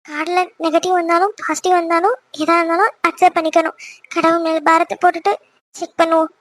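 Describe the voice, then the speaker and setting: A woman plays a young cartoon wife with a very high, girlish voice. She talks in a dry, close recording with no room sound, emotional and bashful with her husband. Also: flat delivery, quick pace, no echo. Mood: nervous. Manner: tearful, then coy and teasing. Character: young wife, newly pregnant, emotional and shy. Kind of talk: cartoon voice acting.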